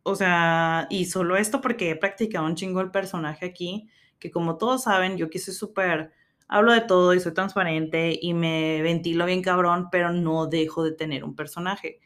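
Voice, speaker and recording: A woman's voice: fairly low pitch, fairly even intonation, moderate pace, a bit bright. A woman in her thirties with a Mexican accent, hosting a podcast and telling a story in casual chat, slangy and swearing freely while acting out quotes. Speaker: podcast host.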